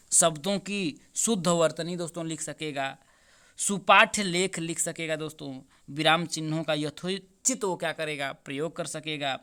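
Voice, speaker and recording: A man's voice: a little high, bright, forceful tone, smooth. A man teaching, working through a paper's answers and repeatedly asking his students questions. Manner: repeats questions to students, addresses them as friends. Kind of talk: exam paper solution lesson.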